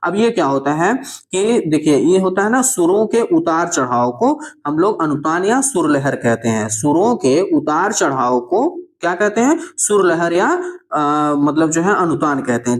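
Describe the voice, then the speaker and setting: A man teaching an exam answer lesson. He reads each question aloud, asks it again, then drops his voice low to give the answer, and he fills the gaps with repeated "theek hai".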